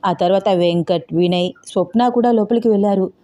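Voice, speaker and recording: Mellow-voiced woman narrating a story. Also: medium pitch, brisk. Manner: even, storytelling.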